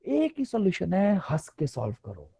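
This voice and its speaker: A man giving a motivational stress-management talk to teachers, playful and animated, acting out little quotes. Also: high voice, moderate pace, gravelly, husky, dry recording. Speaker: motivational speaker.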